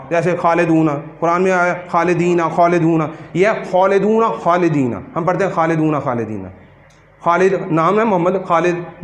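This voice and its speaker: A man teaching a Quran pronunciation class, who questions his students and repeats words slowly to correct them. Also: high voice. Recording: echoey room.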